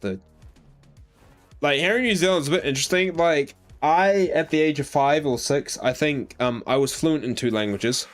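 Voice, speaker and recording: Streaming a game live from his home in New Zealand, a man with an Australian accent chats casually and rambles with lots of fillers as he answers his chat. His voice is on the high side at a normal speed, with faint music behind him.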